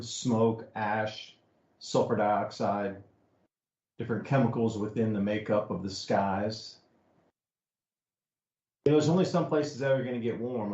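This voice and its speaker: Man, co-host, casual talkative explaining, medium pitch, echoey dull sound. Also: darkish tone. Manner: loose, talkative explaining with many fillers. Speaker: podcast co-host. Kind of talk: casual commentary. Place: home studio in East Tennessee. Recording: roomy, slightly muffled audio.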